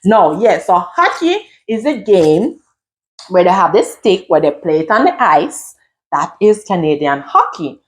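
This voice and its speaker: A middle-aged Jamaican woman talking to her camera in a lively, chatty way, dropping patois phrases in among standard speech. Her voice sits a little low for a woman. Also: a little slow. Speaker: vlogger. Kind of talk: casual talk to camera.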